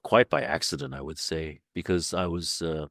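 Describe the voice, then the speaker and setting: Deep-voiced older man, thoughtful and halting. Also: animated, vocal fry, fairly bright tone, dry recording, clean studio sound. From Taiwan. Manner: thoughtful, with frequent repeated words and restarts. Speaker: guest playwright and director. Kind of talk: relaxed interview conversation.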